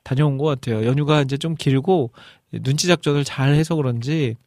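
A man's voice: fairly quick, darkish tone, dry recording. Chatty middle-aged man hosting, dry close sound. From North Jeolla, South Korea. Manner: chatty and friendly, jumps up in pitch when reading out comments. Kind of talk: casual live show chat, reading listener messages.

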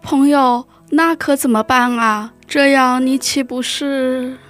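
A woman reading a storybook aloud and voicing an anxious villager friend who keeps a shop, hushed and urgent. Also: on the high side, moderate pace, dry recording, faint music behind, lightly acted. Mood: worried.

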